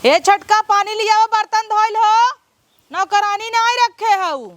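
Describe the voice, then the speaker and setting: An actress with an Awadhi accent playing a grumbling elder sister-in-law in a village comedy skit, scolding and gossiping. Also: female voice, high voice, moderate pace, dry recording, close to an everyday voice. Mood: complaining. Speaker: comic actress.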